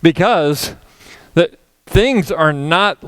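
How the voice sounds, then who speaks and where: A man's voice: on the high side, expressive, extremely slow, clear, resonant tone. A male guest pastor on a church stage, preaching a conference sermon through humorous, self-deprecating stories. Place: church stage before a live audience.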